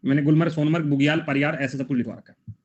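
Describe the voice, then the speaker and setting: A man's voice: on the high side, fairly even intonation, very fast, darkish tone. Chatty male teacher on muffled audio. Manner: chatty, jokes with students between quiz questions. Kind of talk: live online class, casual Hindi teaching. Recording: dull lo-fi sound.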